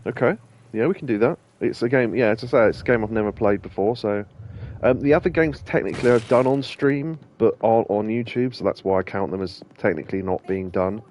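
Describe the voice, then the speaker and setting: In this casual let's-play, a male gaming streamer and host rambles loosely through the video game he's playing, full of ums and restarts. His voice is fairly low and darkish, he talks briskly, and there's slight background noise.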